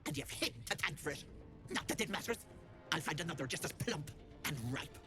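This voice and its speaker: A woman's voice: low voice, animated, fairly quick, fairly bright tone, faint music behind. An actress voicing a scheming old hag witch in a video game, sly and honeyed, calling people dearie. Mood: scornful.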